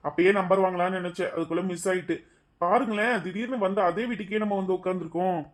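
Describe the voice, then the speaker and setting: A woman voicing a cheerful young groom in a cartoon, speaking in an eager, rapid, friendly way. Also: fairly low pitch, fairly even intonation, close to an everyday voice. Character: cheerful young groom, grinning office manager. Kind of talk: cartoon voice acting.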